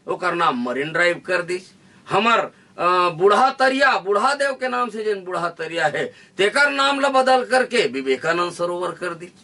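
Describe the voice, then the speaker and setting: Fiery high-voiced Chhattisgarhi man. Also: recorded from a distance. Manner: forceful, declaiming, repetitive rallying lines. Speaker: interviewee, activist leader. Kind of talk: fiery political speech.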